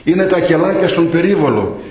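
A steady old abbot, voiced by a man telling the story, calm and brave under threat, his voice a little high and ringing in a roomy echo. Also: close to an everyday voice. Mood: earnest.

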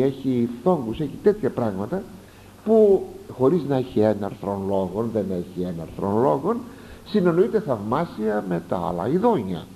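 A man preaching a sermon, reading passages aloud and explaining them with lively asides and sudden rises for emphasis. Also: medium pitch, a little hiss or hum, low-quality recording. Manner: animated, rising sharply for emphasis, explanatory asides. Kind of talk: sermon expounding a text.

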